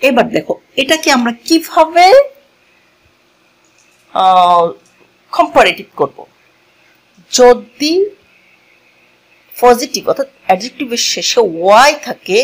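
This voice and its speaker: A woman teaching a grammar lesson to a class, moving slowly, repeating key words and asking the learners questions as she goes, switching languages mid-sentence. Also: on the high side, poor audio. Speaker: English teacher. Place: classroom with a board.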